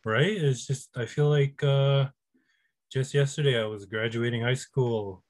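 A man in his twenties co-hosting a podcast, relaxed, wry and blunt in casual chat. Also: mid-range voice, unhurried, no room sound. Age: 20s. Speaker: podcast co-host.

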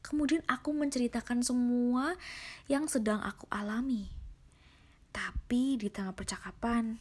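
A woman's voice: fairly high pitch, steady tone, unhurried. A woman narrating a scripted horror story in the first person, often dropping into a half-whisper.

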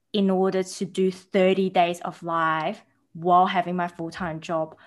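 Bubbly Taiwan-born woman with Australian accent. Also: on the low side. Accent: New Zealand and Australian. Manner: bubbly and animated, acting out quoted voices. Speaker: podcast guest. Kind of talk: casual interview chat.

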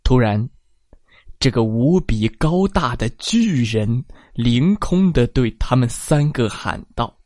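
A storyteller reading a children's story aloud, slow and expressive, adding sound effects. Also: medium pitch, no echo, clean studio sound.

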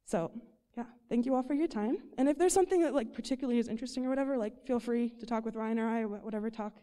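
A woman's voice: fairly high pitch, very fast, warm tone. A young woman giving an informal devotional talk, reading scripture and then speaking chattily with lots of "like".

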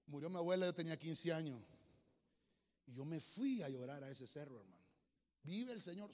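Man preaching in a reverberant hall. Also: fairly high pitch. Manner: storytelling with humor, swings from loud to hushed. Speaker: pastor. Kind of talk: sermon. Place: church hall.

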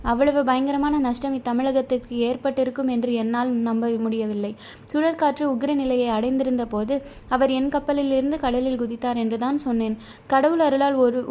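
A woman's voice: high-pitched, darkish tone, close to an everyday voice. A woman voicing an earnest young warrior. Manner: earnest, respectful. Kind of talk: storybook reading. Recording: dull lo-fi recording.

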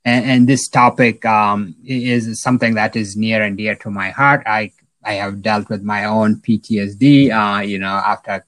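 A middle-aged man from South Sudan, an epidemiologist answering interview questions in a halting way with many fillers and restarts. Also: lowish voice, fairly bright tone, dry recording, rough recording. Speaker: epidemiologist guest.

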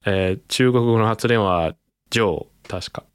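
A man's voice: lowish voice, normal speed, clear, resonant tone, no room sound, clean studio sound. A man co-hosting a podcast, chatting casually and explaining at length, with frequent laughs. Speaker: podcast co-host. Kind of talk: casual chat.

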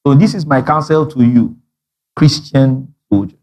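A man's voice: mid-range voice, unhurried. A man preaching a sermon, telling stories with acted-out dialogue and frequent laughter. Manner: animated storytelling, acting out dialogue, frequent laughter. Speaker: pastor.

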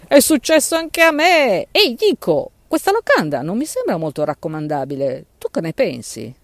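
A man voicing a tipsy, excitable young man who exclaims in a raised voice, in a storybook reading. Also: sits high, normal speed, dry recording, voice pushed up, heavily acted. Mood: excited.

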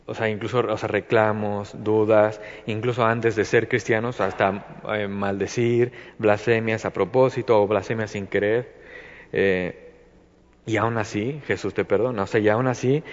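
A man's voice: fairly low pitch, steady tone, normal speed. Rambling Mexican man in a reverberant room. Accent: Mexican Spanish. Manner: rambling, many fillers and restarts. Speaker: Bible study speaker. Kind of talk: informal devotional talk. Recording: dull, reverberant recording.

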